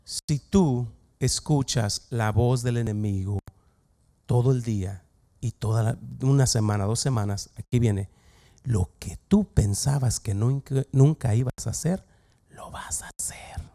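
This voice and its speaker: A male pastor preaches to his congregation with a gravelly, slightly rough edge to his voice. He talks in a lively, joking way and acts out the voices he quotes. His voice sits in an ordinary middle pitch. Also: unhurried. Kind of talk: humorous sermon.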